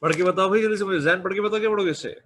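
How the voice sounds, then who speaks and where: A male teacher giving a classroom lecture, coaxing students and drilling pronunciation by slowly repeating words. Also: sits high, fairly bright tone, slight background noise. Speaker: business English teacher.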